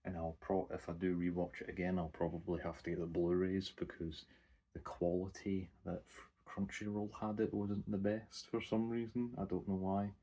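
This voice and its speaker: A man's voice: low-pitched, level tone, normal speed, warm tone. A young man rambling casually through an unscripted anime review, swearing freely and restarting his sentences. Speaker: anime vlogger.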